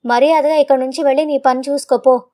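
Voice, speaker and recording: Furious old father over seventy, proud and scolding, storybook tale, read by a woman, high voice. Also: fairly even intonation, fast talker, close to an everyday voice. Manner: shouting, scolding.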